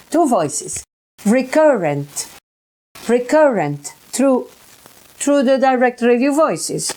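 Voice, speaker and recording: A woman, telling her own experiences in a halting way, often repeating and restarting words. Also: on the high side, dark tone. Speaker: researcher sharing experiences. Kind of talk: personal recollection monologue.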